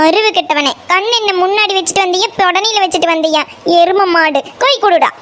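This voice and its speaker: A shrill, very high-pitched cartoon village girl voiced by a woman with a Coimbatore Tamil accent. She is quick to anger and rattles off insults, and her voice sits far above an ordinary speaking voice. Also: fairly bright tone. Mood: furious. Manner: scolding, hurls insults. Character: sharp-tongued young village girl, hot-tempered. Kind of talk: cartoon voice acting.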